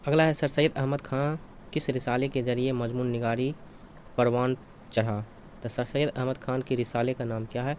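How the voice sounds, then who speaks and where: A man's voice: mid-range voice, steady tone, moderate pace, a little mellow, slight background noise. A man teaching exam preparation, walking through questions and answers in a repetitive question-and-answer manner. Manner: repetitive, asks and answers his own questions.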